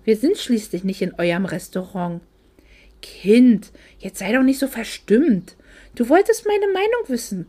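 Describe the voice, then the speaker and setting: Woman doing a snooty cold mom, curt and condescending, kinda high voice, audiobook. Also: expressive, measured pace, dark tone. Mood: cool, reproachful. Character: cold, dismissive middle-aged mother.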